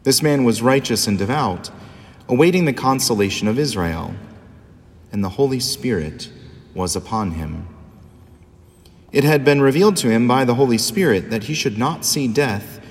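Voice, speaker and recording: Man, priest, solemn measured homily, cathedral echo, long church reverb. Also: mid-range voice, lively intonation. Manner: measured, solemn liturgical delivery. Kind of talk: reading the Gospel and preaching a homily. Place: large church.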